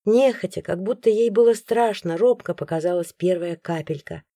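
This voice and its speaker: A woman narrating a first-person audiobook with expressive, animated storytelling. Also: on the low side, normal speed, no echo, clean studio sound.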